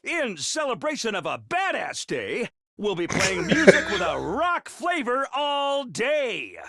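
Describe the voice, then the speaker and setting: An actor voicing a loud, foul-mouthed drill-sergeant mascot creature in a game, shouting morning announcements. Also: mid-range voice, huge pitch swings, slow, vocal fry, over a noisy crowd, exaggerated voice. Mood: rowdy, pumped. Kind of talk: game voice acting.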